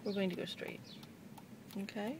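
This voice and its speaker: A woman's voice: medium pitch, moderate pace. A woman acting as a driving instructor, giving short, step-by-step commands and reassurance to a new driver. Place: inside a moving car. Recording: noisy car interior, distant phone mic.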